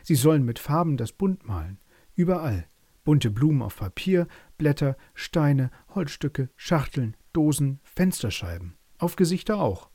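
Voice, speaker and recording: A man voicing a brave tiny field mouse in a bedtime story, squeaky and insistent. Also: sing-song, mellow, no echo, full character voice. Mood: excited. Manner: squeaky, insistent, rushed pleading.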